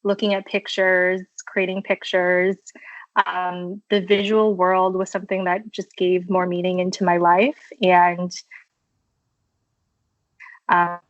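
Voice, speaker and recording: A woman in her thirties from the Washington, D.C. area, telling her story as a podcast guest at home, thoughtful and casual with frequent ums and soft laughs. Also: on the low side, flat delivery, slow pace, no echo, dull audio. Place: her childhood bedroom at home.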